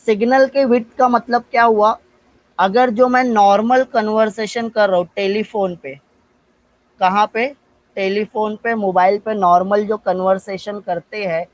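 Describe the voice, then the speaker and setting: During a live online physics class, a high-pitched man from India speaking with an Indian accent fields his own questions. He slowly dictates English definitions and calls students by name. The lo-fi recording has no echo.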